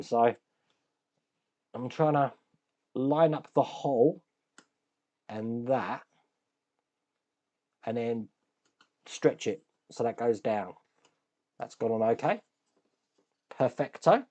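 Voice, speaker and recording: Hoarse and lower-pitched than usual after shouting, this man hosts a model-building channel, chatting and musing aloud as his hands stay busy. He speaks slowly with long pauses in a chatty, self-deprecating way, and the recording is muffled.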